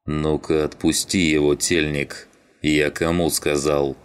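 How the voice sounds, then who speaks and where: A gruff middle-aged train driver who gives orders and threats, as a man reads him. The voice stays low and heavy, blunt and commanding. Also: level tone, slow pace. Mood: stern.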